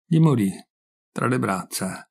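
A man narrating a short story in a measured, deliberate reading voice. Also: mid-range voice, lively intonation, gravelly, darkish tone, breathy edge. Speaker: audiobook reader.

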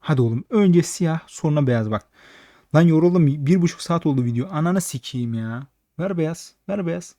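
Hoarse-ish guy cussing at a slot machine, dark voice, dry sound. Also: on the high side, animated, normal speed, no echo. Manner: frustrated, swears constantly, talks at the machine. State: slightly hoarse late at night. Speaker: slot streamer. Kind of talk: casual live slot commentary.

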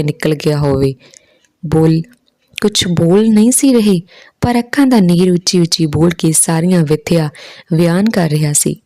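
A woman's voice: mellow, no room sound. A woman narrating a family story from a script, lifting her voice for the characters' lines. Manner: raises her pitch for quoted characters.

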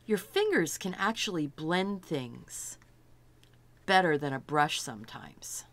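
A middle-aged art instructor leads a step-by-step painting lesson, chatty and thinking aloud as she works, delighted with her own results. Her voice sits low and sing-song, and she takes it slowly.

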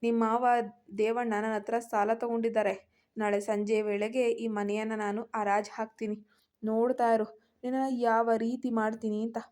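A woman's voice: a little high, flat delivery, moderate pace, darkish tone, lightly acted. A woman storyteller voicing a mocking, threatening young male villain in an audio story.

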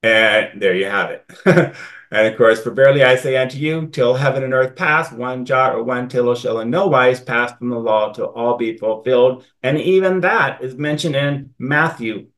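A man giving a Bible study presentation, reading verses aloud and then explaining them in a relaxed, conversational way. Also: mid-range voice, moderate pace, poor audio. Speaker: Bible teacher.

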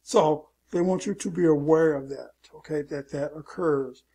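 Gravelly, husky man teaching casually. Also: on the high side, normal speed, warm tone. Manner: repeats "okay" and restarts often, emphatic warnings. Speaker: online marketing instructor. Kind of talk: casual screen-share tutorial.

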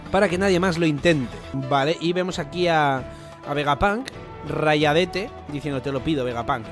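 A young man with a Spain Spanish accent reading a manga chapter aloud and reacting to it, excitable, swearing freely and bursting into shouts. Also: fairly high pitch. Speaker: anime reaction host. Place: home, floor above construction work.

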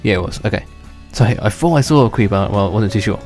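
A young gaming channel host speaks quickly and expressively in a low-leaning, slightly mellow voice, somewhat worn from being unwell. As he plays, his commentary rambles casually, with restarted sentences and chuckles. Faint music can be heard under his voice.

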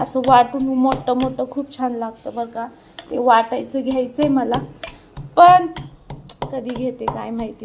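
In her home kitchen, a middle-aged homemaker chats informally and repetitively for her cooking vlog. Her voice sits high with a darkish tone, but a sore throat leaves it hoarse and giving out. There is slight background noise.

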